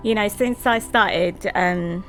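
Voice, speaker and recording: A woman's voice: medium pitch, slow, loud music behind the voice. A woman co-hosting a casual podcast chat, conversational and full of "you know" fillers.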